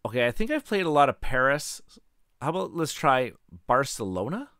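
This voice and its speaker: A man's voice: medium pitch, sing-song, moderate pace, a bit bright, smooth, dry recording, clean studio sound. A man playing as a guest on a live game stream, chatting easily and musing over his choices. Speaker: guest player. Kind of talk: casual live game chat.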